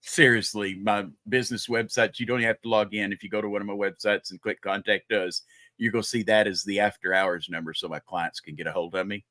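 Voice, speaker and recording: A man's voice: fairly low pitch, fairly even intonation, brisk, sharp tone, no room sound. An older man, a grandfather, chatting casually and telling stories on a livestream. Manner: chatty storyteller. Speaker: livestream panelist. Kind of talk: casual chat.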